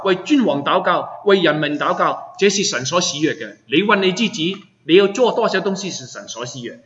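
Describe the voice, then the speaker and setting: Male pastor, emphatic preaching, somewhat high voice, echoing hall, dull lo-fi sound. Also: sharp tone. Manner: emphatic, asks the listeners rhetorical questions. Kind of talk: sermon.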